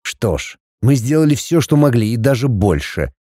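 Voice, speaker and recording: A blustering middle-aged prince, quick to roar and quick to coax, as a male narrator puts him on. The voice is warm and mellow, swings widely in pitch, and is recorded dry and close. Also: big pitch swings, no echo. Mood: coaxing, dismayed. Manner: blustering, shouting, then coaxing. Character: hot-tempered middle-aged prince, a father.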